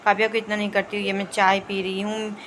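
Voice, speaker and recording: A young woman talks the viewer through her household routine in a chatty, casual voice-over. Her pitch sits in an ordinary middle range but barely moves, giving an even, level delivery. A faint layer of household noise sits beneath her voice. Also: brisk. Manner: chatty, running commentary on home routine. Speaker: vlogger. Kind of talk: casual vlog narration. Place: home.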